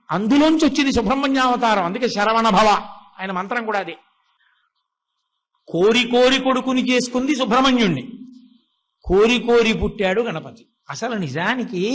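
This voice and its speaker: A man's voice: high-pitched, a bit bright. A man giving a devotional discourse. He tells a story, retells its dialogue in his own voice, and poses rhetorical questions that he then answers himself. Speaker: religious discourse speaker.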